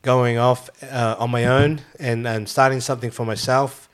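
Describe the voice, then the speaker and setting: A man raised in New Zealand hosts a casual podcast from home, rambling with lots of fillers and restarts. His mid-range voice is clear and resonant, delivered flatly at a normal speed.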